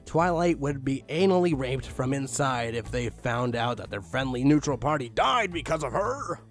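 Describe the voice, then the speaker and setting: A man at moderate pace, medium pitch and expressive delivery reads an awful fan story aloud. He sounds fed up and mock-theatrical, sighing and swinging into outbursts, with soft background music.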